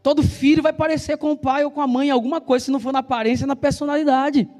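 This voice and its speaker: Very high-voiced fast Brazilian preacher. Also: male voice, steady tone. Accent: Brazilian Portuguese. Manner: fast, loud and emphatic, with constant call-and-response questions. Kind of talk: sermon. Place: church. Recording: reverberant church hall with soft instrumental music.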